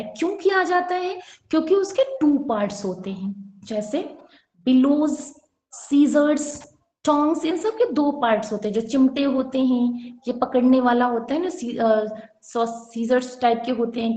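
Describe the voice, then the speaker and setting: Woman grammar teacher, high voice, online class, keeps asking students questions, echoey room. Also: a little mellow. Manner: explains with repeated rhetorical questions.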